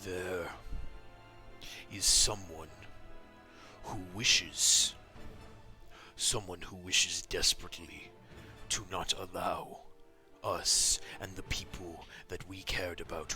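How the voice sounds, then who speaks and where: A man playing a solemn, grieving adventurer in a tabletop game, speaking in a grave, hushed and deliberate way. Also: sits low, fairly even intonation, soft background music, voice pushed down, heavily acted. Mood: solemn sorrow.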